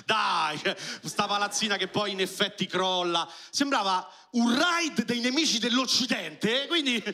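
Uomo acuto e squillante con romano. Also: male voice, high-pitched, unhurried. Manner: animated, shouts punchlines, acts out quoted voices. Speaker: stand-up comedian. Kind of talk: stand-up comedy routine. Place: comedy club stage with live audience.

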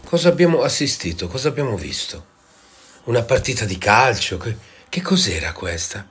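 Male football fan, very raspy, animated, exasperated rhetorical questioning. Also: mid-range voice, moderate pace. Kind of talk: exasperated post-match rant.

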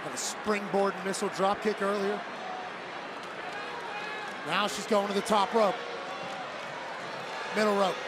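High-voiced male wrestling commentator amid crowd roar. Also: little pitch movement, measured pace, long pauses. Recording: loud crowd and arena noise behind. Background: loud arena crowd.

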